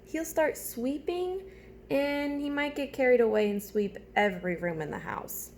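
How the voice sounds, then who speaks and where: A woman with a high, darkish voice reads a storybook aloud a little slowly to young children, talking to them directly with simple questions and step-by-step prompts. There's slight background noise.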